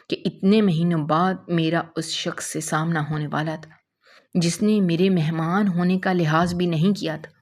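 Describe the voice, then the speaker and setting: A woman narrating a first-person emotional story in a steady, earnest storytelling manner. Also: lowish voice.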